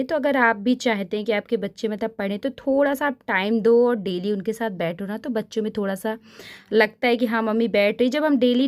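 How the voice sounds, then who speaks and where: A woman's voice: on the high side, darkish tone. A woman in her thirties, a working mother, giving a casual, chatty voice-over of her evening chores and often turning to practical tips for the viewer. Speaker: home vlogger. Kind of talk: casual voice-over narration of a daily routine.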